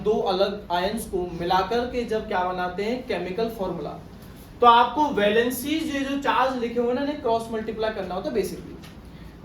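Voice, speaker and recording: A man's voice: extremely high pitch, fairly bright tone, slight background noise. A male chemistry teacher giving a classroom lecture, often quizzing his class with questions. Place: classroom with students. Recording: echoey room, far from mic, class murmur.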